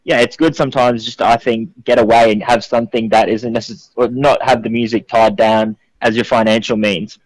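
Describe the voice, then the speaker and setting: A man's voice: medium pitch, flat delivery, brisk, hardly any pauses, no room sound. An Australian man with a Queensland accent, speaking casually as a musician being interviewed. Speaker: band musician interview guest. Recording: phone call on radio show.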